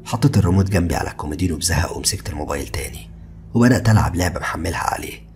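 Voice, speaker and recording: A man with an Egyptian Arabic accent narrating a first-person horror story, tense and at times hushed. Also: low voice, animated, racing, a little hiss or hum.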